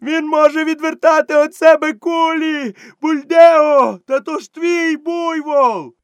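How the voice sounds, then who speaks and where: A man voicing an angry village mob, yelling shrill insults. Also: fairly even intonation, slow, dry recording. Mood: panicked.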